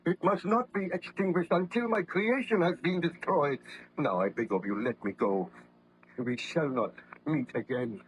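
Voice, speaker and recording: Casting: male actor as tormented baron-scientist, higher-pitched, solemn and melodramatic, old radio play with noisy sound. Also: moderate pace, dull audio, natural voice. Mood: anguished, pleading. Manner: formal, declamatory, solemn. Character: weak, anguished, guilt-ridden baron-scientist, doomed and melodramatic. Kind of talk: old-time radio drama acting. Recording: noisy vintage radio drama recording.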